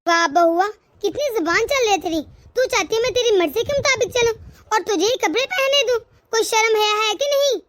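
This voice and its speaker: A woman's voice: very high voice, lively intonation, brisk, fairly bright tone, no room sound. Woman voicing a strict cartoon mother-in-law. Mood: scolding. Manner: scolding, lecturing. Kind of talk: cartoon voice acting.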